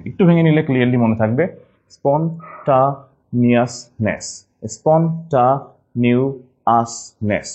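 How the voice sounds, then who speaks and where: A man teaching English spelling in an online class for admission exams, repeating each word slowly, syllable by syllable. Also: medium pitch, dark tone, husky, highs cut off.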